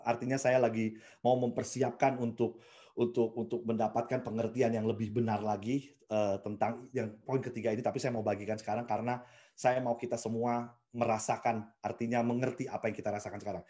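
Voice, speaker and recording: A man's voice: mid-range voice, flat delivery, brisk, mellow. A man with an Indonesian accent preaching casually in a video church service, mixing in English phrases and acting out prayers. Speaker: pastor. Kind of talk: sermon over video call.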